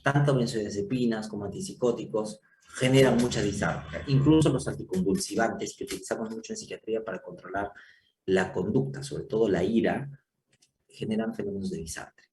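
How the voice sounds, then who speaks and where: A man's voice: lowish voice, fairly quick, darkish tone. Man lecturing in an echoey room. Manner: explanatory, checks in with frequent rhetorical questions. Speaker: psychiatry lecturer. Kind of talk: university lecture. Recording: echoey room, distant mic, faint noise.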